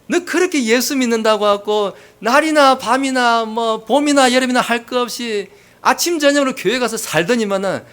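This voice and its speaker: A man's voice: very high-pitched, moderate pace, fairly bright tone, voice pushed up. A man voicing a sarcastic male unbeliever who taunts a suffering believer. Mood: mocking.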